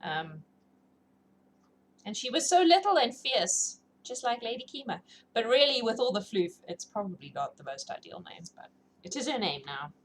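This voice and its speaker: Her voice rides on the high side now, very animated at a normal speed, as she giggles through casual chat with viewers. She's the livestream host who reads novels aloud, with an accent mixing South African, British and New Zealand traits, over clearly noisy room sound.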